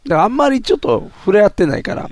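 A man in his thirties with an Osaka Kansai accent, co-hosting a web radio chat with quick comic retorts. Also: high-pitched, animated, dry recording, clean studio sound. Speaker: co-host of a web radio show. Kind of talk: casual chat.

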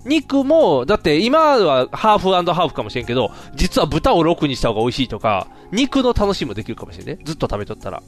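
A man's voice: on the high side, huge pitch swings, soft background music. A man with a Kansai accent, co-hosting a casual chat show in a playful, chatty way. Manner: chatty, playful, quick back-and-forth reactions. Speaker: podcast co-host.

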